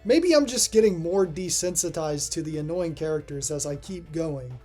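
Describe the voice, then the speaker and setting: In a voice-over recording with faint music behind, a cartoon-episode ranking video's host offers relaxed, scripted review commentary full of dry, casual asides. The medium-pitched voice is animated and mellow, moving at normal speed.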